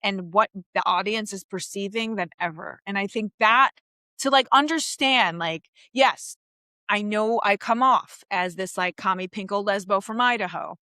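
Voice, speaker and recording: A woman comedian from Queens, chatting as a podcast guest in a lively way, often laughing and acting out voices. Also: medium pitch, moderate pace, no echo. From Queens, New York. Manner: animated, laughing, acts out quoted voices. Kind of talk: casual interview chat.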